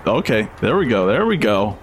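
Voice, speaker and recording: A man's voice: on the low side, very animated, normal speed, faint music behind. A man chatting casually as a player in a tabletop game.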